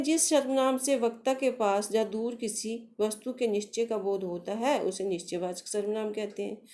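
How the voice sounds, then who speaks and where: Slow, patient woman teaching grammar. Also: a little high, warm tone. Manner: slow, patient, asks questions and answers them herself; addresses pupils affectionately. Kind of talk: Hindi grammar lesson for children.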